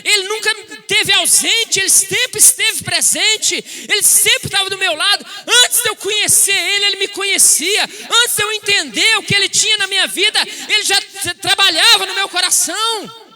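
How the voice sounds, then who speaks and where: A man preaching a sermon as a pastor, telling a personal story with passion and rising to shouts. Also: extremely high pitch, normal speed, hardly any pauses, faint music behind.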